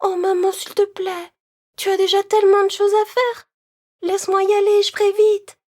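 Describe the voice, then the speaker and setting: A woman's voice: very high voice, little pitch movement, normal speed, darkish tone, voice pushed up. A woman voicing a sweet, easily frightened little girl in a children's cartoon tale, with a pleading, earnest, childlike way of talking. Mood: eager, pleading. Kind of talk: children's cartoon storybook acting.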